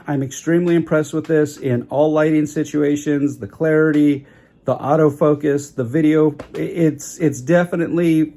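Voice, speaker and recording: A man's voice: fairly high pitch, warm tone. Guy chatting casually about a camera, talks plain, fixes his own slips, phone mic. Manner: chatty, self-correcting, plain-spoken. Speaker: camera reviewer. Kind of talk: casual review talk. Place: outdoors at a busy roadside eatery. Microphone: built-in phone mic. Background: traffic and chatter.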